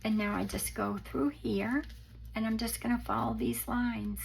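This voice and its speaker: A woman hosts a casual craft tutorial in a hoarse, deeply crackling voice that frays into a papery whisper. She sounds unwell and goes slowly and gently, pausing to think aloud. There is noticeable noise behind her. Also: fairly even intonation. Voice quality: croaky, breaking into papery whisper. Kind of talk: casual step-by-step craft demonstration.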